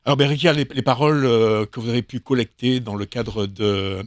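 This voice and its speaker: A man hosting a talk show, asking questions in a measured way with frequent fillers. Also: mid-range voice, fairly even intonation, dry recording, studio quality. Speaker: radio show host.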